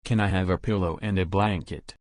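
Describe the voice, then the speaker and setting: Man with a fairly low voice reading phrases. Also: steady tone, fairly quick, dry recording, studio quality. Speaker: phrase reader. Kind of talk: slow, clear phrase reading for learners.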